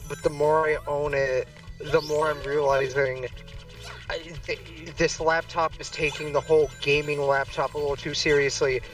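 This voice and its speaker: A man's voice: fairly high pitch, recorded from a distance, poor audio. Rambling man streamer, slightly off-mic. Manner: rambling, heavy on fillers. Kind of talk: casual chat while gaming.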